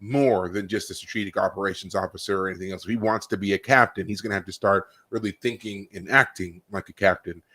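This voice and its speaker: Male podcast co-host, casual, animated retelling with loud exclamations. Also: low voice, fast talker, hardly any pauses. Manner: animated storyteller, acts out scenes with loud exclamations. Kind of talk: casual chat. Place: live podcast recording.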